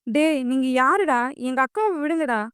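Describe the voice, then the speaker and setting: A woman's voice: fairly high pitch, moderate pace, smooth, dry recording, studio quality, close to an everyday voice. A woman voicing a frantic young man who begs tearfully for his sister, in an audio story. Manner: tearful, pleading.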